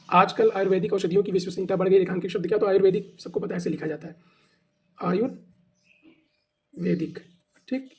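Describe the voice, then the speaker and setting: Male teacher, high voice with a dark, husky tone, running an exam drill. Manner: explains by asking and answering his own questions; spells words out letter by letter. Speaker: Hindi teacher. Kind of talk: exam practice class.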